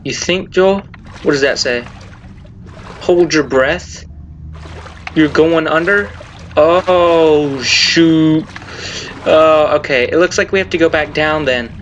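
Brief: young male gameplay host, high-voiced, slow-talking, easily spooked, game noise behind. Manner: jumpy, excitable, yelps when startled. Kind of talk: casual gameplay commentary. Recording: game sound under the voice. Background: horror game ambience.

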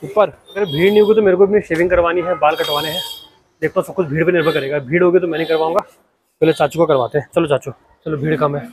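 A man's voice: fairly high pitch, quick pace, a little hiss or hum. A young man talking casually to his viewers as a vlogger, chatty and friendly with the camera. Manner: chatty, addresses viewers as guys. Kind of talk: casual vlog chat.

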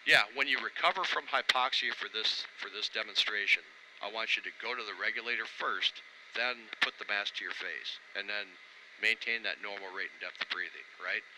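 A man's voice: fairly low pitch, a little fast. A man giving step-by-step instructions as an altitude chamber instructor over an intercom. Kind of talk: instructional briefing and coaching. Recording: clear steady background noise.

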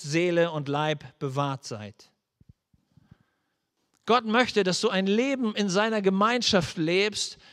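A male pastor preaching a sermon, earnestly asking his listeners direct questions and turning soft and low as he leads into prayer. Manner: drops to a soft, low voice when leading into prayer. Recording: long hall reverb.

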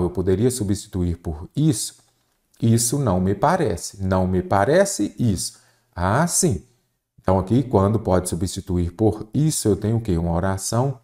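A Portuguese teacher with a lowish, somewhat dark voice works step by step through exam questions in an exam prep lesson, asking his own questions and then answering them.

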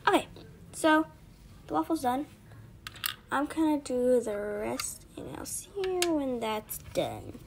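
A high-pitched woman with a gravelly edge narrates doll play, her voice leaping up and down. She rambles casually and keeps brushing things off. The home recording carries steady background noise and small clicks. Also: slow pace, long pauses. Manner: rambling, shrugging things off with "whatever". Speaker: video creator.

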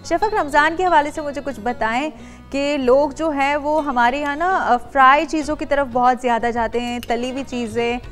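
A woman's voice: high voice, normal speed, fairly bright tone, faint music behind. A woman in her thirties hosting a TV cooking show from a studio kitchen, chatty and talking straight to the viewers. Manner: chatty, addresses viewers directly, many affirming hums. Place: bright studio kitchen set.

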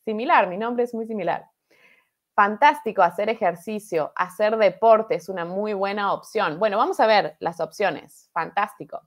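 A woman's voice: mid-range voice, moderate pace. A woman from Argentina with an Argentine accent, teaching a live online Spanish class in a patient, encouraging way that keeps checking in with the viewers. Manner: patient, encouraging, repeats and asks "¿verdad?". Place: home studio, live stream.

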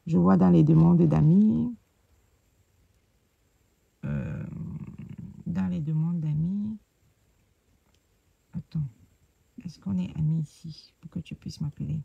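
A woman hosting a casual live stream, talking hesitantly and filling pauses with "euh" while she searches on her phone. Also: low voice, gravelly, breathy edge, no room sound, narrow, tinny audio.

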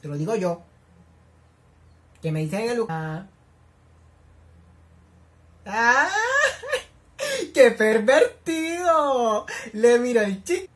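A woman giving reaction commentary as a YouTuber, excitable and gushing, full of exclamations. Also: mid-range voice, moderate pace, long pauses.

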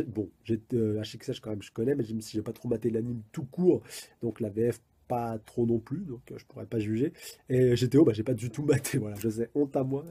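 Rich: A man reviewing an anime episode in casual, rambling chat, fixing his words as he goes. His voice is very husky and deeply mellow, and he rattles along at a quick clip. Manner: chatty, rambling, self-correcting. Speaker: anime review channel host.

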